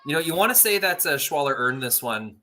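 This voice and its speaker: A man's voice: a little high, very animated, fairly quick, pushed and bright, soft background music. A man doing live curling commentary, analytical and talking through the shot options.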